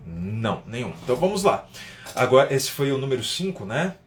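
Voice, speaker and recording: A Brazilian man teaches in a relaxed, conversational way on a live stream, at an ordinary mid-range pitch for a man. He explains things step by step, checks in with listeners and tags his sentences with quick "né?" asides. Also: soft background music. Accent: Brazilian Portuguese. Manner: chatty, explains step by step, tags sentences with "né?", reads viewer comments aloud. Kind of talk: casual live-stream lesson.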